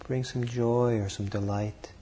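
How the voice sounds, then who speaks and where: Slow, soft-spoken male meditation guide. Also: medium pitch, slight background noise. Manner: calm, unhurried, speaks in short phrases with long pauses. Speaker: meditation teacher.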